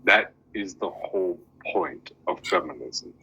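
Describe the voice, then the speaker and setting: A man's voice: deep voice, animated, a little slow, creaky, bright, forceful tone, slight background noise. A man ranting emphatically in a casual group discussion. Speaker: podcast participant. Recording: dull lo-fi audio.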